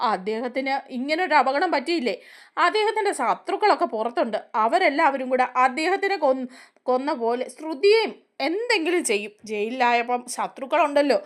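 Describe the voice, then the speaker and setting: A woman voicing a scheming middle-aged uncle who insistently waves off the family's plans. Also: high-pitched.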